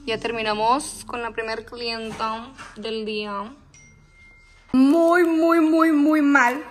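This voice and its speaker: A woman's voice: sits high, a bit bright. Chatty woman vlogging her day. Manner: chatty and rambling, drops English words into her Spanish. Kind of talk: casual day-in-the-life vlog. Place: at home and in her car.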